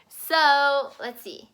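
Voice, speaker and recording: A woman's voice: sits high, bright, forceful tone. A young woman telling a rambling, casual vlog story, full of fillers and asides. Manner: chatty, rambling, lots of "like". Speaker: vlogger.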